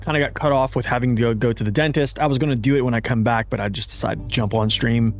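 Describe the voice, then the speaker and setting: A man's voice: mid-range voice, fairly even intonation, fast. A man chatting casually on a gaming livestream, laid-back, his speech slightly slurred from a mouth numbed at the dentist. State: numb-mouthed after dental work, slightly slurred. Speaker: video game live streamer.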